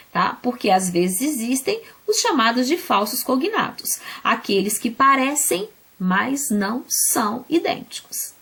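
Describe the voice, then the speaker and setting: Gravelly Brazilian teacher checking understanding. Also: female voice, on the high side, fairly bright tone. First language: Portuguese. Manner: explanatory, checks in often with "certo?" and "tá?"; slows down to spell out English example words. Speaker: English teacher. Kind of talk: recorded classroom lesson.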